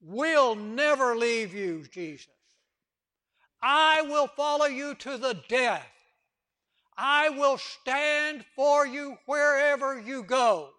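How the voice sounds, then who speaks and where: A man voicing a devoted, impulsive male disciple within a sermon, declaiming his lines loudly. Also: high-pitched, fairly even intonation, extremely slow, long pauses, big-room sound, heavily acted. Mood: vowing.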